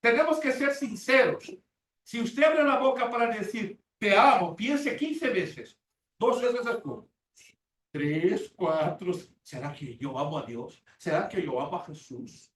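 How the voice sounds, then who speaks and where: A man in his sixties, unhurried and lively in intonation, teaches a Bible class in a church classroom in the manner of a sermon. His high voice is a bit bright, and he is emphatic and repetitive, acting out quoted prayers. Faint hiss and echo come from recording the room from far off.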